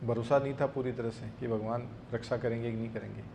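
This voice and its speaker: A man's voice: medium pitch, steady tone, quick pace, gravelly, darkish tone, a little hiss or hum. A man giving a devotional discourse, telling a scripture story and acting out the characters' lines. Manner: storytelling, acts out dialogue. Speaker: preacher.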